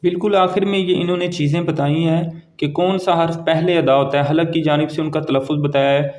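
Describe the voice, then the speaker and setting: A man teaching Quran reading, slowly drawing out each Arabic letter three times and giving brief explanations in between. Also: fairly high pitch, steady tone, a little mellow. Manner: slow, drawn-out repetition of each letter, three times over; quick plain explanations between recited letters. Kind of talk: letter-by-letter recitation lesson.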